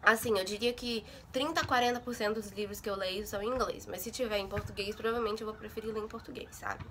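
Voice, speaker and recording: Talking fast in a bright, forceful, mid-range voice with a steady tone, a young Brazilian vlogger chats casually to camera. Slight hiss or hum can be heard. She often checks in with her viewers using fillers like "sabe?" and "gente".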